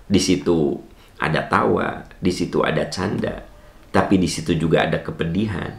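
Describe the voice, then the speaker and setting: A man's voice: moderate pace, vocal fry, roomy sound. A man preaching a sermon in with a light tinge, asking rhetorical questions and swinging his voice up and down as he answers a listener. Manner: animated, swooping pitch, rhetorical questions.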